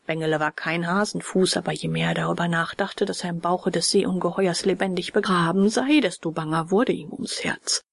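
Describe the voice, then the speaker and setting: Hushed, gravelly woman reading a fairy tale. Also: on the low side, dry recording. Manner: hushed, often whispery narration. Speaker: narrator. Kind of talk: storybook reading.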